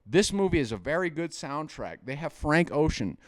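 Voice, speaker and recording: A man's voice: fairly high pitch, sing-song, normal speed, no echo. A man who is getting drunker as he gives casual, joking film reviews, rambling and stumbling over his words. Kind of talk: casual comic film tier-list commentary.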